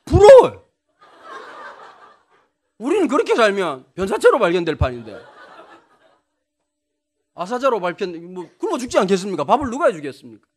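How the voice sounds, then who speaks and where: High, lively-voiced male preacher. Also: vocal fry, husky. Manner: humorous anecdotal storytelling, addressing the congregation. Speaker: pastor. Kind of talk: sermon.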